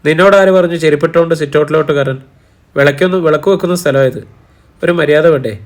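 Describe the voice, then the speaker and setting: A man voicing a sharp-tongued, hostile middle-aged woman who scolds and sneers in an audiobook story. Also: a little high, fairly quick, close to an everyday voice. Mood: scornful. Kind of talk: audiobook character voice.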